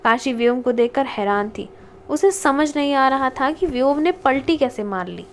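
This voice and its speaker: Female audiobook narrator for a romance story, steady storytelling, somewhat high voice. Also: normal speed, a little hiss or hum. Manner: steady storytelling, reads dialogue tags.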